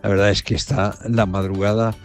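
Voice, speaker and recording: A man's voice: on the low side, level tone, a little fast, faint music behind. A man from doing street interviews and a live field report outdoors, chatty and conversational. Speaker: radio reporter.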